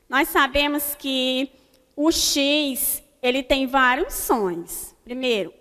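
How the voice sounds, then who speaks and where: In a long, echoing hall, a Brazilian woman with a bright, high voice teaches grammar to young children in a recorded online lesson. As a primary school teacher, she pronounces each example word slowly and carefully, frequently checking with the class by asking "né?".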